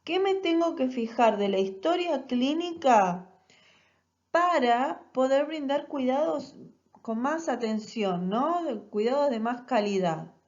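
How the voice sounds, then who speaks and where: A woman's voice: high-pitched, animated, takes it slowly, a little mellow, dull audio. A woman teaching a recorded nursing class, explaining step by step and often checking in with rhetorical questions. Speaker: nursing lecturer.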